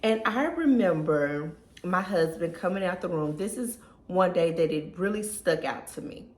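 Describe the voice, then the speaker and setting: A woman's voice: fairly low pitch, animated, normal speed, a little mellow. A woman in her thirties telling a personal story to her viewers in a casual, emotional way, often saying "y'all". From Southern US. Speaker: lifestyle vlogger. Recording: echoey room.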